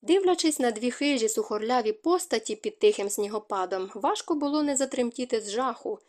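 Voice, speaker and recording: A woman narrating a fantasy novel as an audiobook in a steady, expressive reading. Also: a little high, brisk. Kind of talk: scripted narration.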